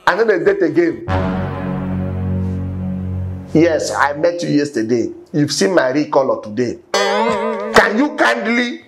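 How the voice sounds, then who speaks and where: A man's voice: very animated, measured pace, over music. A man with a Nigerian Pidgin accent playing a cheeky, broke young man who begs and jokes his way through trouble in a comedy skit. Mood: indignant. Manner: comic, pleading, shifting pitch.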